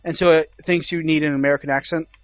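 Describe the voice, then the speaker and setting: A young man co-hosting a podcast, chatting casually in an animated, teasing way. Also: a little high, quick pace, no echo. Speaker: podcast co-host. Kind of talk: casual chat. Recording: slightly dull lo-fi audio.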